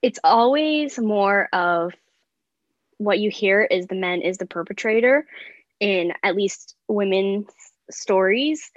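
A woman's voice: medium pitch, expressive, slow. A young woman presenting on a youth podcast in an informal, conversational way. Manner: peppers talk with "like". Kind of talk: informal discussion. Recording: slightly dull, roomy sound.

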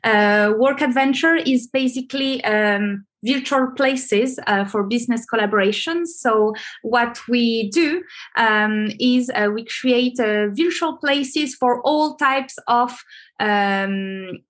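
Femme à la voix aiguë, hésitante. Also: female voice, fairly high pitch, slow pace, fairly bright tone. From Venezuela. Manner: hesitant, many fillers and restarts. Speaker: guest, marketing manager. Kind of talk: casual interview over video call. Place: home in Paris. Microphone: video call.

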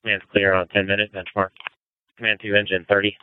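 A man acting as fire incident commander sends businesslike, directive orders over the radio, his voice on the low side and his delivery flat and quick. The narrow, phone-like fireground audio carries a little hiss or hum.

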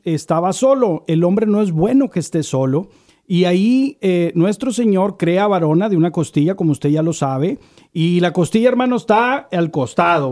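High-voiced man urging amens. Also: darkish tone. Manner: fervent, calls listeners brother and sister, seeks amens. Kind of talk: religious talk show.

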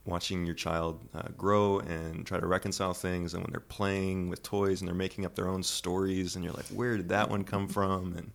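A young father talking in a casual panel chat, thoughtful and halting, with many fillers. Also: low-pitched, flat delivery, creaky. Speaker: parent guest on a panel.

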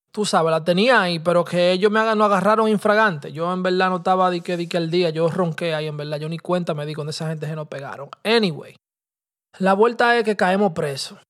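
A young man with a Dominican Spanish accent tells a personal story in loose street slang, casual and conversational, dropping English words. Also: high voice. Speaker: podcast host telling a personal story.

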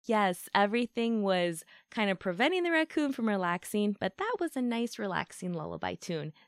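A woman host narrating a rhyming children's story in a gentle, rhythmic way, voicing its splashes and scoots with play. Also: mid-range voice, sing-song, normal speed, dry recording. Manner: gentle, rhythmic reading with playful sound words. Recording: soft music behind the voice.

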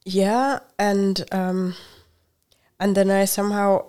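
A woman's voice: medium pitch, little pitch movement, slow pace, mellow. A woman from Hungary talking as a guest in a casual interview, hesitant, with many fillers and laughs, tired from little sleep.

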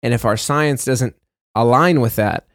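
A man at a middle pitch, co-hosting a relaxed Bible study chat. He reads verses aloud and then talks them through plainly, with the odd "uh" and quick self-correction. The sound is close and dry, with no room around it. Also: dry recording. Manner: conversational, reads scripture passages aloud with fillers and self-corrections. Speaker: co-host of a Bible discussion. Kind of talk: casual Bible study discussion.

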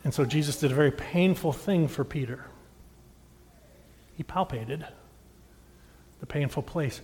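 High-voiced middle-aged pastor in a reverberant hall. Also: male voice, unhurried, slight background noise. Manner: dynamic, swings from loud emphatic lines to hushed intimate ones; talks directly to the congregation with questions. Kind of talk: sermon. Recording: long reverb of a large hall.

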